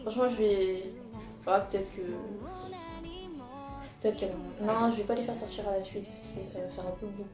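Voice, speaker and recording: A woman's voice: medium pitch, fairly even intonation, normal speed, long pauses. A young woman chatting casually about her manga purchases, hesitant and full of fillers and restarts. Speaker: manga vlogger. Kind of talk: casual chat showing purchases. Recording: echoey room with music behind.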